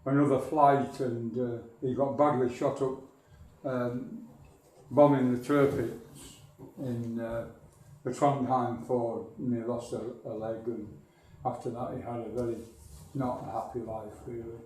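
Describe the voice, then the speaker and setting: A man's voice: mid-range voice, flat delivery, unhurried, darkish tone. An older man from northern England, a local history speaker telling a society rambling, wry stories. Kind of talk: anecdotal talk to a society. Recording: echoey hall from far off.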